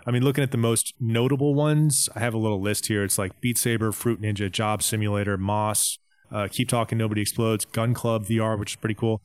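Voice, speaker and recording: A man co-hosting a casual gaming podcast, relaxed and rambling, with lots of "um" and "you know". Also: fairly low pitch, brisk, clean tone, dry recording. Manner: relaxed, lists things, many "um"s and "you know"s. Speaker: podcast co-host.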